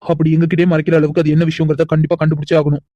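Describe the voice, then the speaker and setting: A woman voicing a calm, teasing young man in a cartoon, who talks in an unhurried, probing, quietly insistent way. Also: deep voice, dry recording, dull audio, natural voice. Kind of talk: animated cartoon dialogue.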